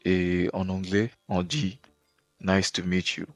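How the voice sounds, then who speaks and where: A man teaching English greetings patiently, stopping often to check that the listener follows. His voice is low and sits in a dry, close recording. Faint music plays underneath. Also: steady tone, takes it slowly, dry recording. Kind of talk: explanatory language lesson.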